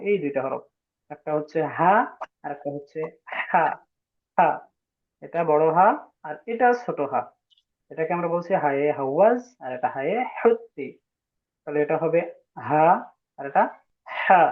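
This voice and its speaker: High-voiced man teaching over a tinny line. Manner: patient, drawn-out demonstration of sounds, calls on students. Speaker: Arabic alphabet teacher. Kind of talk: online class teaching pronunciation.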